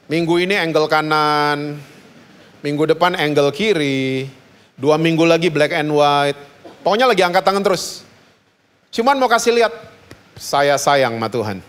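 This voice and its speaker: A man from Indonesia preaching a lively sermon as pastor, joking and asking the congregation questions. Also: high voice, clean tone. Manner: jokey, asks the congregation questions.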